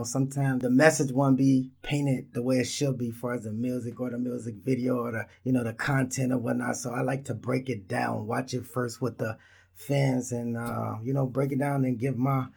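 A husky, medium-pitched man in his thirties from Israel hosts his own podcast. He delivers a laid-back, rambling solo monologue aimed straight at his listeners.

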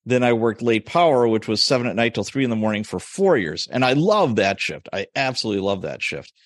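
A man's voice: fairly low pitch, expressive, brisk, no room sound, studio quality. A man in his forties hosting a podcast, chatting casually and laughing often as he tells stories. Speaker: podcast host. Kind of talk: casual interview chat.

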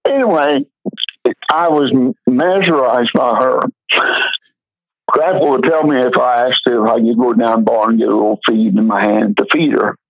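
An older man spins folksy, rambling anecdotes in a husky voice, stopping often on fillers. He comes through a thin phone line with a dry, close sound. His pitch sits in the middle. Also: normal speed, dry recording. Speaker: retired pastor and memoir author. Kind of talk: storytelling in an interview.

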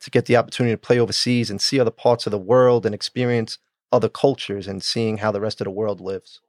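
A man's voice: lowish voice, steady tone, fast, dry recording, studio quality. A man hosting a casual interview, asking encouraging, admiring questions. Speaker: interview host.

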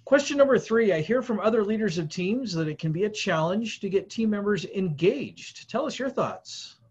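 A man's voice: high voice, expressive, moderate pace, slightly rough, dull audio. A man hosting a podcast, reading set questions and giving short, affirming replies. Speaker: podcast host. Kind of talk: scripted interview questions.

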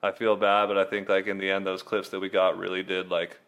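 A man's voice: low-pitched, completely flat delivery, a little fast, a bit bright. A young man in casual chat, laid-back and filling his talk with "like" as he recounts editing a video. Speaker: video editor and filmer.

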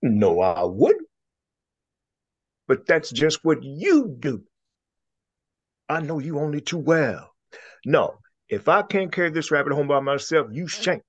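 A man's voice: medium pitch, pitched above the performer's own voice. A man voicing a stubborn, argumentative male alligator in a storybook. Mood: arguing. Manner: argumentative, drawn-out. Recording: dull lo-fi recording.

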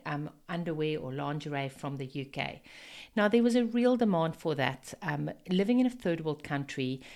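Podcast host: woman, about 50, Afrikaans South African accent, slightly low voice, earnest scripted monologue. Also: darkish tone. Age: around 50.

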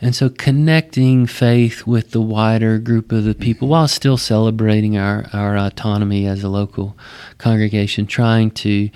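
A man with a West Texas twang, explaining things conversationally and thoughtfully like a pastor, often pausing mid-phrase. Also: lowish voice, steady tone, darkish tone, smooth. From West Texas, United States. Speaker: Baptist pastor.

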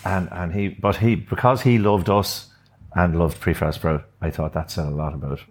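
A man's voice: low-pitched, fairly even intonation, normal speed. An older man with a west of Ireland accent, telling anecdotes in a casual, hesitant way as an interview guest. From Sligo, Ireland. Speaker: musician, podcast guest. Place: furnished upstairs room in a venue.

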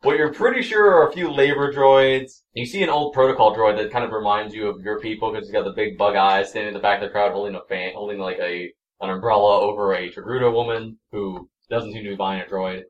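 Game master, male, low voice, relaxed rules-explaining delivery, distant mic. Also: fast talker, few pauses, dull audio. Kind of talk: narrating a tabletop game.

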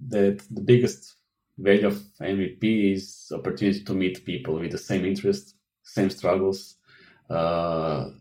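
Deep-voiced man with halting speech. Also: mellow, low-quality recording. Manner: halting, many fillers and restarts, non-native grammar. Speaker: guest. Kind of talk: interview answers.

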